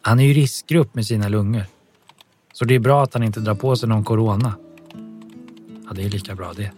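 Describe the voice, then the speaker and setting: A man's voice: on the low side, steady tone, darkish tone, soft background music, close to an everyday voice. A man reading a practical, caring office manager. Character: concerned woman, office manager. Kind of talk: audiobook dialogue reading.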